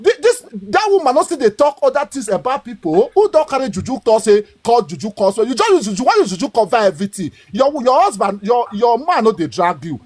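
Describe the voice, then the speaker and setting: A man's voice: extremely high pitch, very animated, fast, few pauses. A man in his forties with a Nigerian accent argues indignantly in Nigerian Pidgin on a social media live, repeating words and stammering. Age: 40s. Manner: indignant, repetitive, stammers when worked up.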